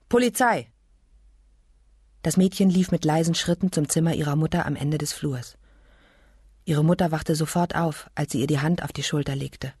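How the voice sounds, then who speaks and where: A woman narrating an audiobook in a quiet, measured way, close to the microphone. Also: on the low side, slightly rough, no room sound. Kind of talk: scripted narration.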